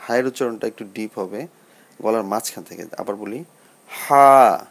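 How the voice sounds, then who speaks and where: A man teaching the Arabic alphabet, sounding out each letter deliberately and stressing some letters loudly. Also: lowish voice, creaky, husky. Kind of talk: slow recited lesson.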